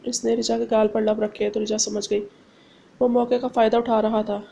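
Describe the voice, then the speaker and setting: A woman reads a romance novel aloud in an even, steady delivery. Her voice sits somewhat high and barely moves in pitch. A faint hum of noise runs underneath. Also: normal speed, creaky. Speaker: audiobook narrator. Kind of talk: novel reading.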